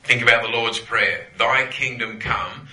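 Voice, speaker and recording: A man's voice: medium pitch, steady tone, measured pace, bright, forceful tone, roomy sound, poor audio. A man teaching a Bible class to a group, conversational, often checking in with "yeah?" and repeating phrases for emphasis.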